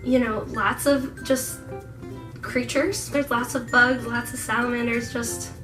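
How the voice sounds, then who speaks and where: A giggly young woman chats through a casual vlog Q&A in a fairly high voice. Her voice comes from a little away from the mic. Clear music plays behind her. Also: steady tone, measured pace, distant mic, poor audio. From Netherlands. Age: 20s. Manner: chatty and giggly, laughs often. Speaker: vlogger co-host. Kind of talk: casual Q&A chat.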